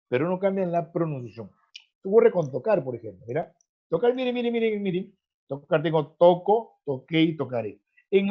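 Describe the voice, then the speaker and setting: A male teacher explaining grammar in an online class, checking in often with his students and repeating words as he goes. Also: high-pitched. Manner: repeats words while searching. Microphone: video call. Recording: dull lo-fi video call audio.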